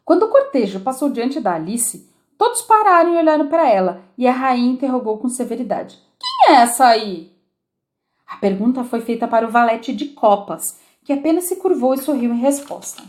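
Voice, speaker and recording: A woman narrating an audiobook of a children's classic with expressive storytelling. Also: a little high, a little fast. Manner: expressive storytelling with lively intonation.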